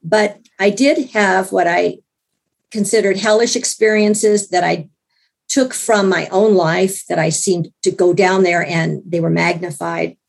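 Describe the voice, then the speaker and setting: Gravelly, hoarse woman telling her story. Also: lowish voice, steady tone, a little slow. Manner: chatty, restarts sentences, wry asides. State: recovering from illness, hoarse. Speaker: interview guest. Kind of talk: personal account in an interview.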